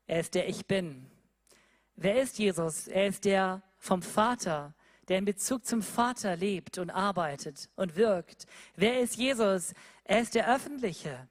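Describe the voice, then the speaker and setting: At a measured pace, a preacher delivers a sermon full of repeated rhetorical questions, swinging between loud, emphatic lines and quiet, low ones.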